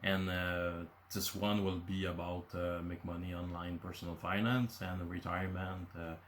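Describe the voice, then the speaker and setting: A deep, fairly bright male voice delivers flatly at normal speed, with a little hiss or hum in the background. He's a channel host in his fifties from Quebec City, Canada, a native French speaker with a Quebecois accent, talking casually from bullet points with lots of uhs.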